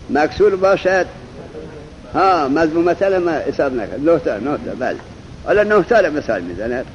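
Male teacher, slightly high voice, seminary-style class lesson, keeps firing questions at students, drags out example words; muffled lo-fi tape with faint hiss. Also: a little mellow. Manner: quizzes students, drawls example words slowly. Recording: dull lo-fi recording with faint noise.

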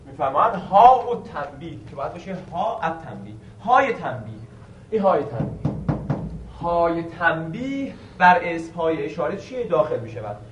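A man teaching a grammar lesson, quizzing the students with questions and slowly stretching out key words. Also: a little high, sing-song, distant mic, lo-fi sound, background noise. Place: classroom. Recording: echoey room recorded from afar.

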